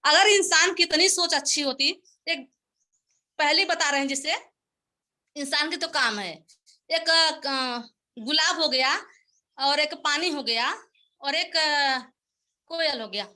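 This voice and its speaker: A woman's voice: sits high, slow, pauses often, bright, forceful tone. A woman giving a motivational speech at a sales meeting, telling folksy parables and repeating her points to press them home. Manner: folksy, repetitive, exhorting.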